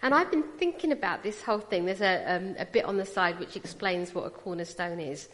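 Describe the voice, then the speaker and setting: A fortysomething woman from Punjab, India, speaking with a British English accent, gives a chatty personal testimony as a guest speaker in a church hall, teasing the audience to react. Her voice is fairly low, animated and fairly bright, and she talks a little fast. The large indoor hall adds a long reverb.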